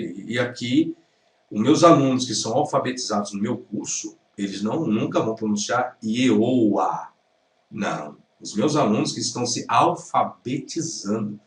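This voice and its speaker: Man, teacher, didactic, corrective, echoey, distant mic. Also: mid-range voice. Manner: didactic, corrective, repeats pronunciations. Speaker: Hebrew teacher reacting to a video. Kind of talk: critical lecture commentary. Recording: roomy sound from a distance.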